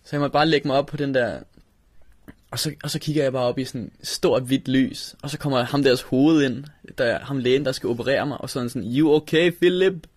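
A young man from Denmark telling a personal story, halting, with many restarts and fillers. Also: mid-range voice, steady tone, no echo. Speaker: interviewee telling his story. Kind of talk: personal recollection.

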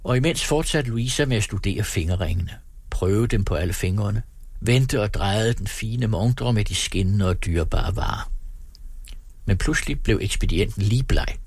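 A man narrating a story aloud in a steady, measured way. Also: on the low side, gravelly, breathy edge, no room sound.

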